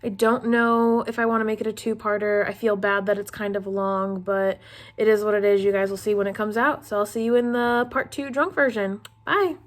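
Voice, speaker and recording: A woman's voice: medium pitch, steady tone, brisk. A young adult woman chatting casually to viewers as a makeup vlogger, blunt and self-deprecating.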